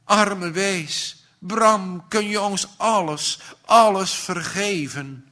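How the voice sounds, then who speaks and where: A man's voice: high voice, drawn-out words, sharp tone, pitched above the performer's own voice, exaggerated voice. A man reading aloud voices a distraught, tender middle-aged aunt begging forgiveness. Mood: tearful pleading. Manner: emotional, imploring.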